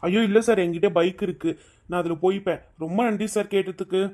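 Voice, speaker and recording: A woman's voice: mid-range voice, fairly even intonation, quick pace, darkish tone, lightly acted. Woman doing a polite helpful young man. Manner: polite, reassuring.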